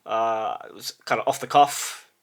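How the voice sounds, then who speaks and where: A man hosting his own channel, thinking aloud in a reflective monologue, halting with frequent restarts and a soft "yes?" to check in with the listener. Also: fairly low pitch, fairly even intonation, vocal fry. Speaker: channel host.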